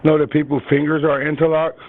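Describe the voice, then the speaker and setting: A man's voice: a little high, level tone, quick pace. A man answering the phone as a restaurant employee, talking in casual customer service style. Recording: tinny narrow phone line.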